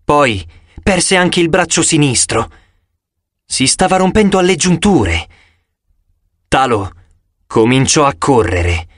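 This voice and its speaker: A man's voice: on the high side, slow pace, long pauses, no echo. Male audiobook reader, dramatic delivery, dry close sound. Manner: dramatic, expressive reading with sudden loud cries. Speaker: audiobook narrator. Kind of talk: scripted audiobook narration.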